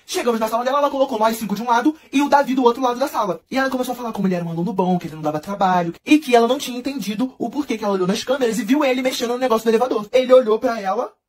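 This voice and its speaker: A teenage boy telling a funny school story in an animated, dramatic way. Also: high voice. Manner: animated, dramatic, rapid narration. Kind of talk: fast comic school storytelling.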